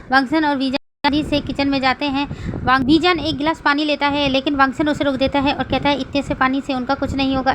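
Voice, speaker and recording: A woman reading fan fiction aloud as a storyteller, in a steady, even way. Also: high-pitched, slight background noise, rough recording.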